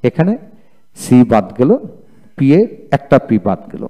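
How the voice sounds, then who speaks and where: A man teaches a video lecture, saying each word several times and spelling it letter by letter. His voice is dark and mellow, but his pitch leaps up and down as he stresses the words. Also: big pitch swings, unhurried. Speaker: English teacher.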